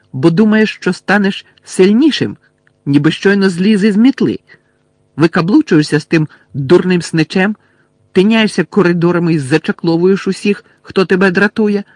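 A man voicing a furious teenage girl who shouts indignant insults at a bully. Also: high-pitched, moderate pace, no echo, voice pushed up. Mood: angry.

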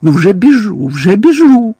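A man's voice: on the high side, expressive, slow, gravelly, a little mellow, breathy edge, no room sound, heavily acted. A man reading an audiobook voices a cowardly, scruffy petty thief who mumbles, stammers and whines. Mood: panicky.

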